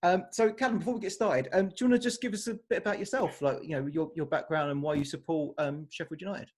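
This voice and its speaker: A man's voice: fairly high pitch, fairly even intonation, fast talker. A man hosting a casual football podcast, friendly and rambling, laughing easily. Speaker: podcast host.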